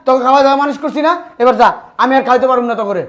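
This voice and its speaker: A man's voice: very high-pitched, very fast, fairly bright tone. A man playing a harsh, domineering older brother. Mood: dismissive. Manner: scolding, dismissive.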